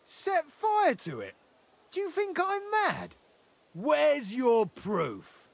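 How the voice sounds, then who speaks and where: Game role: an explosive cursing corporal, high and wildly swinging pitch, gravelly rasp. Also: male voice, wildly swooping pitch, very slow, no room sound, heavily acted. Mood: indignant. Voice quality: gravelly, hoarse-edged shouting. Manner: defiant, explosive, swearing. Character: accused soldier corporal, hot-tempered, cursing.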